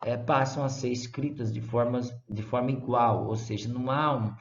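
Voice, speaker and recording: A man with a Brazilian accent teaching a recorded lesson at a middling pitch. He talks hesitantly, filling pauses and checking in with his listeners. The recording sounds roomy and a little muffled. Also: fairly even intonation. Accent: Brazilian Portuguese. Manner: hesitant, many filler "é" and "ah"; explanatory, checks understanding with "certo?" and "né?". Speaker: Latin teacher. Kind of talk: recorded online lecture. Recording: roomy, slightly dull lecture recording.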